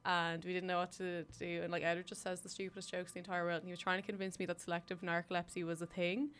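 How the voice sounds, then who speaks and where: A woman's voice: on the low side, quick pace, clear, resonant tone. A young woman in her twenties, a guest telling self-mocking stories in a casual chat. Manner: self-mocking, animated storytelling.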